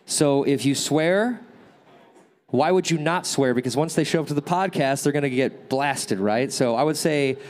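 His voice sits on the high side and has a nasal quality, and he keeps a moderate pace. On an event stage he runs a workshop, coaching attendees and answering questions with energy, checking in with "okay?" and "right?" as he goes.

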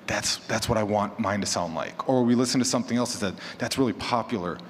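A man with a fairly low-pitched voice talks fast while speaking casually to an audience on a convention panel. He's a horror fiction podcaster, and his manner is conversational and encouraging. The large indoor room sounds echoey, with clear background noise.

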